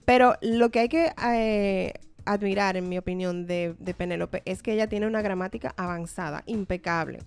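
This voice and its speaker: A woman English teacher co-hosting a radio show, explaining points in a casual, lively way into a studio mic. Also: mid-range voice, moderate pace, gravelly, hardly any pauses, clear, resonant tone, no room sound. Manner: explanatory, lively, laughs often.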